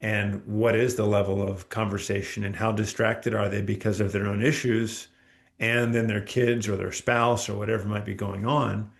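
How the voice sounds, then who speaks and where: A man's voice: lowish voice, flat delivery, normal speed, gravelly. A man, a chiropractor, talking earnestly as a podcast guest, telling patient stories and acting out the dialogue. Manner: earnest, storytelling, acts out quoted dialogue. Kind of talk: reflective interview talk.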